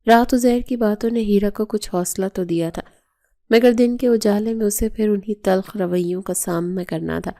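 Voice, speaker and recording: A woman narrator reading a romantic novel as a bedtime story in a steady storytelling manner. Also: medium pitch.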